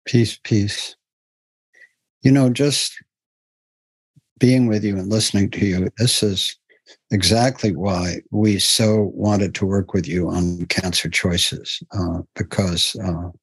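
A man with a low, husky voice hosts a contemplative interview. He speaks slowly and gently, pausing often. The recording is dry and close. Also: steady tone, dry recording, low-quality recording. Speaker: host.

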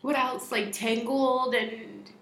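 A woman's voice: on the high side, steady tone, takes it slowly, a bit bright, echoey room, a little hiss or hum. A young woman co-hosting a casual chat, giggling often and sometimes talking while eating. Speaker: co-host.

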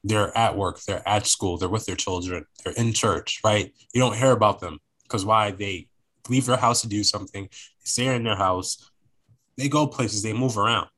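A man's voice: fairly low pitch, moderate pace, fairly bright tone, low-quality recording. A young man talking casually on a podcast, rambling and repeating phrases as he searches for words.

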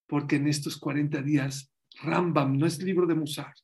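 A man giving a sermon as a rabbi, telling lively anecdotes and acting out the voices of people in them. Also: fairly high pitch, normal speed. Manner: animated storyteller, acts out voices in quotes.

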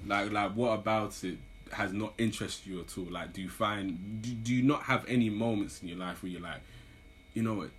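A man's voice: lowish voice, brisk, a little hiss or hum, low-quality recording. A young man, hosting a podcast and teasing his guest in a jokey, laughing way. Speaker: podcast host. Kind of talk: casual chat.

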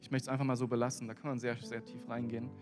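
A man's voice: medium pitch, little pitch movement, rapid-fire. A man preaching a sermon in an earnest, conversational way, speaking directly to his listeners. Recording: echoey hall with music behind.

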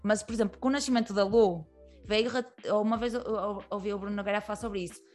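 A woman with a European Portuguese accent talks rapidly as a guest in an interview, frank and loosely rambling. She sits at a middling pitch and chains her thoughts together with fillers and restarts. Faint music runs underneath. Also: steady tone, a little mellow. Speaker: comedian guest. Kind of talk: candid podcast conversation.

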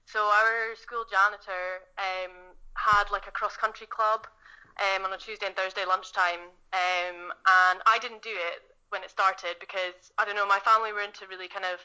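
A woman in her twenties with a Highland Scottish accent, chatting informally and with self-deprecation as an interview guest. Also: level tone, normal speed, bright, forceful tone, clean tone, lo-fi sound. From Inverness, Scottish Highlands. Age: 20s. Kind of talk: casual interview chat.

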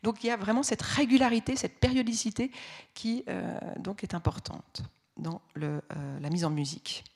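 A woman's voice: medium pitch, moderate pace, vocal fry, breathy edge. Woman, music teacher, spoken lecture; patient, hesitant, many restarts. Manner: reads the ballad aloud with expressive voices.

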